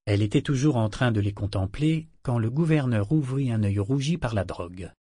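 Measured male audiobook narrator, dry. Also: mid-range voice, expressive, mellow, husky, dry recording. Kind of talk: scripted narration.

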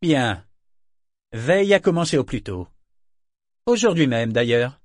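A man voicing a cold, controlling male pirate captain with a smooth, threatening manner. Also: mid-range voice, very animated, measured pace, dry recording, studio quality. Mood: commanding.

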